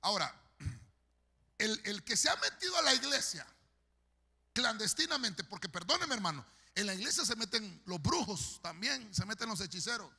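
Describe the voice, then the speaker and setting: Fervent pastor, bright husky voice. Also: male voice, high-pitched, big pitch swings, moderate pace, in a large hall. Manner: fervent, storytelling, addresses the congregation as brother. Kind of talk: sermon. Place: large church hall.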